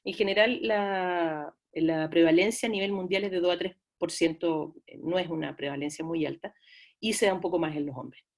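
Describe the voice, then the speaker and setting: A middle-aged woman with a Chilean accent, giving a relaxed online class lecture and chatting to her students between fillers. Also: lowish voice. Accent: Chilean Spanish. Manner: chatty, addresses students as "chiquillos", frequent fillers. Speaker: lecturer in audiology.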